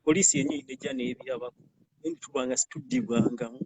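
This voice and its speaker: A transgender woman gives a halting, pleading testimony as a refugee guest, her voice jumping loud on key words. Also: extremely low pitch, big pitch swings, vocal fry, breathy edge, no echo, rough recording. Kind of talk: emotional testimony.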